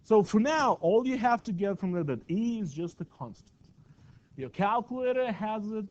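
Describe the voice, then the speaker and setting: A man's voice: sits high, expressive, normal speed, a little mellow, lo-fi sound. A man teaching a math class in a classroom, chatty and often asking his students questions. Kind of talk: classroom lecture.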